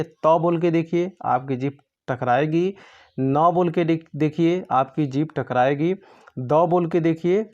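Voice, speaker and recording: A man's voice: fairly high pitch, darkish tone, lo-fi sound. A man tutoring for an exam, going through quiz answers step by step in a patient way. He asks his own questions and then answers them.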